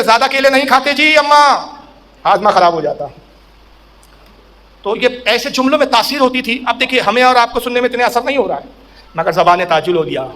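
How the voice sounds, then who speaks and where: A middle-aged man preaching a religious sermon, telling stories and acting out the voices in them, rising to emphatic, raised lines at the key sayings. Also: high voice. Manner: animated storyteller, acts out quoted saints and characters. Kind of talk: Urdu religious sermon with storytelling.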